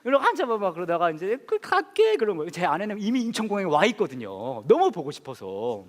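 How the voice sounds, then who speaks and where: A man preaching a sermon in an animated, comic storytelling way, full of fillers. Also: high voice, quick pace, in a large hall. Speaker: pastor.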